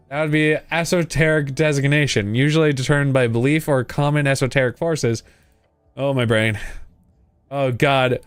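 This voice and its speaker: Man, mid-pitched, casual playthrough commentary, playful muttered asides, dry recording, faint background music. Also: clean tone, no room sound. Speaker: gaming video host. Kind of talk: casual playthrough commentary, reading game text aloud.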